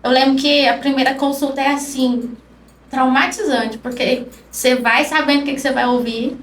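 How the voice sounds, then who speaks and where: A woman guest on a podcast telling an emotional personal story, acting out the dialogue in soft-spoken speech. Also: high-pitched, steady tone, normal speed. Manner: acts out quoted dialogue, speaks softly. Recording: roomy, distant mic with faint noise.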